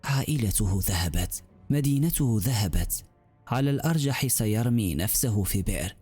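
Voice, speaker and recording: A man's voice: on the low side, lively intonation, moderate pace, a little mellow, breathy edge, soft background music. A man voicing a cold, bitter male demon lord who speaks with mocking weariness.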